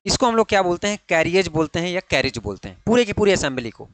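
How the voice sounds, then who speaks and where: Male lecturer, slightly high voice, dry close mic, repetitive question-and-answer teaching. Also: sing-song, fast, no echo. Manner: frequent checking tags, repeats key terms. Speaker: ITI fitter exam teacher. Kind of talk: online classroom lecture.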